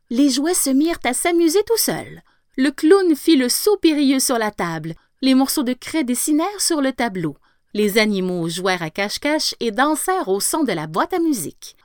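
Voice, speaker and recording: A woman's voice: fairly high pitch, dry recording, studio quality. A woman reading a fairy tale aloud expressively, sometimes dropping to a whisper. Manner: expressive, slowing and whispering for effect. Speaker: storyteller. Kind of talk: storybook read-aloud.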